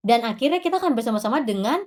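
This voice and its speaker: A woman's voice: fairly high pitch, lively intonation, racing. A woman giving an informal devotional sermon, talking straight to the congregation and answering her own rhetorical questions. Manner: addresses the congregation directly. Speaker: preacher.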